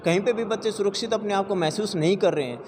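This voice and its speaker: A high-pitched man speaks as a child protection official, pausing often with fillers. His voice rings in a long reverberant hall over loud traffic noise. The recording is echoey and noisy. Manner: hesitant, many fillers. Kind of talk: interview statement.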